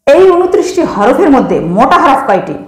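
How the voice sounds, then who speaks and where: A woman teaching Quran recitation rules, who explains step by step, repeats examples slowly and quizzes a pupil. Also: sits high, sing-song, very echoey, low-quality recording. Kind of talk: teaching lesson, questioning a pupil.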